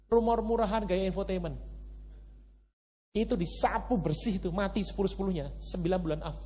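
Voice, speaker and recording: Animated male preacher in a reverberant hall. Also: sits high. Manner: animated, conversational, rhetorical questions to the congregation. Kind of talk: sermon. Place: church hall.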